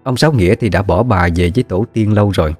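A man narrating a ghost story in a steady, measured storytelling manner. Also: fairly low pitch, husky, faint music behind.

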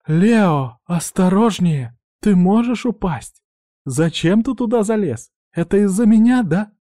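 A man's voice: a little high, sing-song, brisk, a little mellow, voice pushed up. A man reading an audiobook, voicing an anxious young woman who frets over her sweetheart. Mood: worried. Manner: fretful, pleading.

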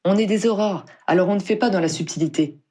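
A reader voicing a blunt, impatient woman officer, husky and commanding. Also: medium pitch, fast talker, darkish tone, pitched above the performer's own voice, lightly acted. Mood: brusque. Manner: curt, commanding. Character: blunt tough female wizard officer, impatient.

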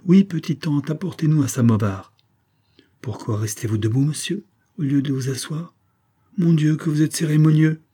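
Brief: a man doing an impulsive coquettish young woman in a storybook reading, raised pitch, husky undertone. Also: mellow. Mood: chatty, coquettish. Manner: quick, coquettish, breathless chatter.

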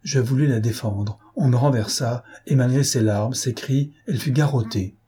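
A man reads a classic novel aloud in a measured, expressive way. His voice is dark and mellow with a very husky, rough grain. The reading is steady and dramatic. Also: mid-range voice. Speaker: audiobook narrator.

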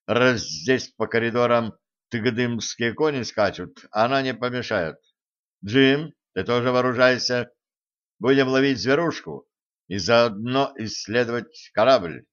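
A man's voice: mid-range voice, unhurried, fairly bright tone, close to an everyday voice. A man voicing a dry, ironic space pirate captain in an audiobook. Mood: commanding. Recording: dull lo-fi recording.

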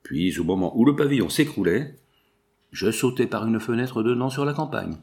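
A man's voice: mid-range voice, animated, normal speed, darkish tone, lightly acted. A man voicing a drugged, crazed male murderer who boasts feverishly of his crimes. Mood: wild boast. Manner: feverish, boastful, laughing strangely.

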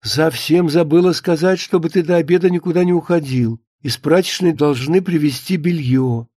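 A man putting on a shrill scolding wife. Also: normal speed, darkish tone, no room sound, clean studio sound, natural voice. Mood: coaxing. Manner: scolding, insistent. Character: shrill nagging middle-aged wife. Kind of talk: audiobook character voice.

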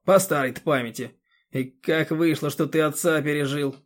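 Coarse village bully voiced by a man, barking, rude, loud, raised pitch. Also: steady tone, moderate pace, natural voice. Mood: sneering. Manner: barking, crude.

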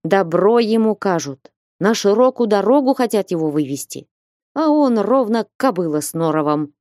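A woman voicing a blustering, hot-tempered old male merchant in an audiobook, scolding and shouting. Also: mid-range voice, lively intonation, normal speed, no echo, studio quality, close to an everyday voice. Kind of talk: audiobook reading.

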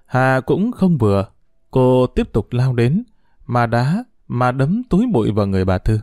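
A man narrating a family drama in an expressive, dramatic storytelling manner. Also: mid-range voice, moderate pace, dry recording, clean studio sound.

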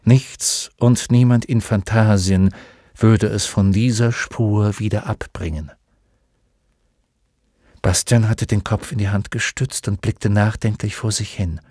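Calm male audiobook narrator, dry studio. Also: fairly low pitch, husky, dry recording. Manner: calm, measured storytelling. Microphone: close studio mic.

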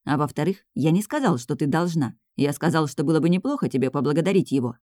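A meek young stable boy from an audiobook, as a woman reader puts him on, calm and mildly exasperated. The voice sits low and dark, and the sound is close and dry. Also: fast, dry recording. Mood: patient.

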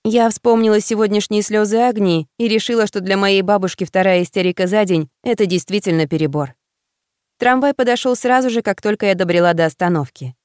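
A woman narrating a first-person audiobook in an expressive manner, voicing the heroine's emotional lines. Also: medium pitch, fairly quick, clear, resonant tone, no room sound, clean studio sound.

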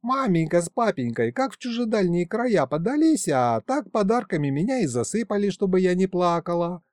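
A man's voice: sits high, sing-song, normal speed, darkish tone, no room sound, clean studio sound, pitched above the performer's own voice. A man voicing a young female kikimora who chatters eagerly and boasts. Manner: rattling, eager.

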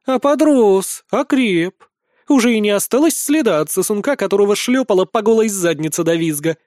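A fierce succubus swordswoman from a storybook, mocking and vulgar, her taunts pitched up high and pushed out loud, as a male narrator puts her on. The voice sounds dry and close. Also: lively intonation, moderate pace, dry recording. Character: fierce, crude succubus warrior woman, adult.

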